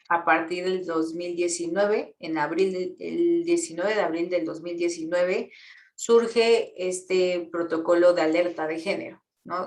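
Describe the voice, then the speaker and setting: Earnest Mexican woman, low voice, echoey room. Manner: earnest, pauses with fillers and repeated words. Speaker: guest speaker, feminist activist. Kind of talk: explanatory talk to students.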